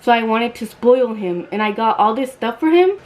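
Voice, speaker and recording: A woman's voice: fairly high pitch, expressive, moderate pace, a little mellow, low-quality recording. A young woman vlogger telling a storytime while getting ready, blunt and chatty, swearing freely.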